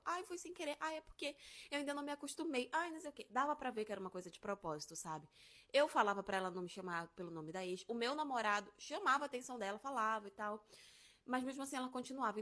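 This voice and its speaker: A young woman casually telling a personal story, animated and acting out the quotes. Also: a little high.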